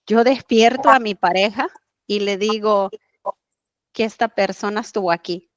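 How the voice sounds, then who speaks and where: A woman guest telling a personal story in conversation, earnest and halting, with frequent fillers. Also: mid-range voice, dry recording, highs cut off. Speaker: interview guest.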